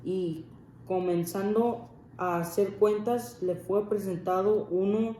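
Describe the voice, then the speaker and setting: A student slowly reading Bible verses aloud in class, stumbling and restarting over words. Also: medium pitch, steady tone, warm tone. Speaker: scripture reader in class. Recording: echoey room with faint noise.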